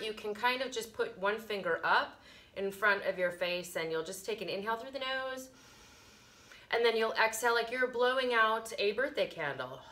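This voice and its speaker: A middle-aged yoga teacher with a mid-range voice gives casual instruction and a guided breathing demonstration, explaining informally with soft emphasis and little pauses. She's indoors in a carpeted living room, recorded by a camera a few feet away.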